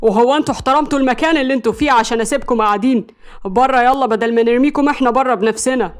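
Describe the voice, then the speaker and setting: A woman voicing an angry, gruff male Egyptian security guard. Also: on the high side, rapid-fire, lightly acted. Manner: loud, gruff, commanding.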